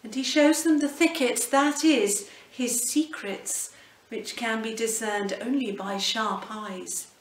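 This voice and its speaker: A middle-aged woman, a cathedral canon, giving a reflective devotional talk with slow, gently emphatic delivery, speaking at medium distance from the camera in an indoor hallway. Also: on the high side, slight background noise. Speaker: cathedral canon presenting a series. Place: indoor hallway at the foot of a staircase. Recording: roomy echo, voice a little off-mic.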